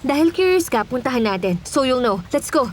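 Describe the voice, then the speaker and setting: A woman's voice: high voice, big pitch swings, a little fast, a little hiss or hum. An actress dubbing a pushy, upbeat young woman who keeps hurrying her friend along. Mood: urging. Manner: urgent, coaxing. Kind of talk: Tagalog drama dub.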